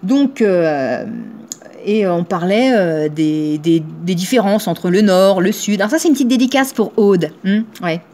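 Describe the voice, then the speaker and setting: A woman's voice: mid-range voice, lively intonation, unhurried, mellow. A woman in her thirties, a shop owner, talking casually to camera in a chatty, teasing way and acting out the voices she quotes. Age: 30s.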